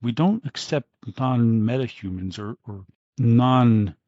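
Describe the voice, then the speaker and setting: A man's voice: medium pitch, measured pace, a little mellow, dry recording, highs cut off, natural voice. Man doing a flustered, dignified old mage. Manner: hesitant, polite, awkward.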